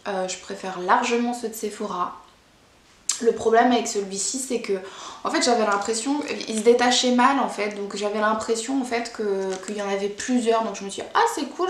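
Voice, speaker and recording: A young woman from Brittany reviewing beauty products in a chatty, rambling way, full of hesitations. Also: medium pitch. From Brittany, France. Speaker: beauty vlogger. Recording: echoey room with faint noise.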